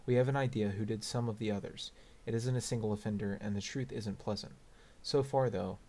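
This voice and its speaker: A man with a fairly low voice narrates an audiobook. His reading is measured and steady, moving through the text at an even pace. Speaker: audiobook reader.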